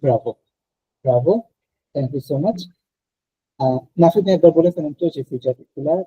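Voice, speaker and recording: Man, French teacher, drills conjugations, husky, dry dull call audio. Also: fairly high pitch, dry recording. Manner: explains slowly, drills conjugations aloud. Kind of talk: online class lecture.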